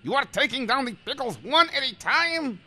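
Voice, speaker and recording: Man doing a demanding boss, barking, very bright sharp high voice, wild swings in pitch. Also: very animated, normal speed, full character voice. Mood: incredulous. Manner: barking, bossy, exasperated. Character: impatient demanding male boss.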